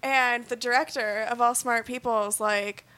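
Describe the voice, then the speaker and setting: A woman's voice: fairly high pitch, fairly even intonation, normal speed, sharp tone. A young woman telling blunt, profane stories in a casual chat.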